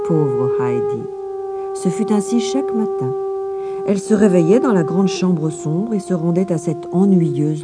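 A woman narrating a children's storybook with an expressive, storytelling cadence. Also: low voice. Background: music.

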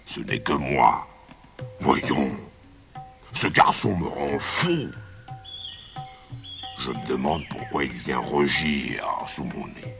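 A man voicing a proud, touchy male tiger with a low growling grumble in a storybook tale. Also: expressive, slow pace, vocal fry, pauses often, fairly bright tone, soft background music, heavily acted. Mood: grumbling.

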